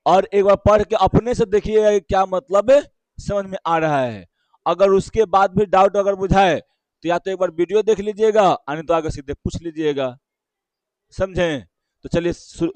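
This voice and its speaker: A man teaches a physics lesson in a high, bright-pitched voice with a Bihari Hindi accent. He goes slowly, repeats each key term and keeps asking his class short questions to check they follow. The sound is dry and close. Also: dry recording.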